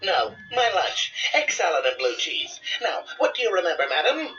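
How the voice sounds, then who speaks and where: A man's voice: sits high, big pitch swings, moderate pace, sharp tone, far from the mic, lo-fi sound, slight background noise, heavily acted. A man voicing a pompous, theatrical cartoon duck superhero in an audio storybook. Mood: confident.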